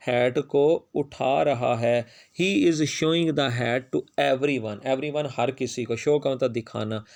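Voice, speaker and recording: A man with a Pakistani Urdu accent teaches a lesson at an unhurried pace. His voice has a gravelly edge. He reads each English line slowly, then translates and explains it briskly. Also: mid-range voice, darkish tone. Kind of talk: classroom reading and translation lesson.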